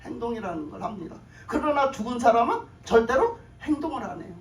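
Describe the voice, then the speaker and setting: A woman's voice: on the high side, very animated, fairly quick. A woman pastor preaching a sermon, often asking the congregation questions, repeating her phrases and chuckling. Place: church sanctuary. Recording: echoey room, voice from far off, faint noise.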